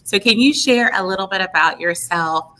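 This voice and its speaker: A woman's voice: mid-range voice, expressive, normal speed, bright, forceful tone. A woman hosting a podcast interview, upbeat and enthusiastic. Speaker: podcast host.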